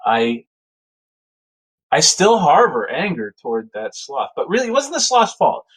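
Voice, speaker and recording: A man telling a casual spoken anecdote in a rambling, animated way, full of fillers and restarts. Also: a little high, unhurried, breathy edge, poor audio. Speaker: storyteller.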